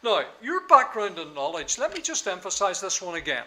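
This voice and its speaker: An older man, lecturing a class in a halting way with many fillers and sudden emphasis. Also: high voice, sing-song, bright, forceful tone. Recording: echoey lecture room, faint ambience.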